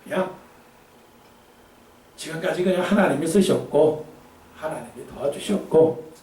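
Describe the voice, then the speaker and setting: A man's voice: fairly high pitch, measured pace, a little mellow. A male pastor preaching a dramatic sermon, firing rhetorical questions at his congregation. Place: church sanctuary. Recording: echoey church from a distance.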